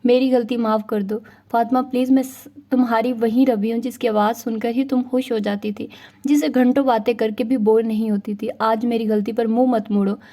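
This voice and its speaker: A woman's voice: on the high side, steady tone, moderate pace, warm tone, lightly acted. A woman narrator voicing an earnest young woman who pleads with her friend for forgiveness. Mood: pleading.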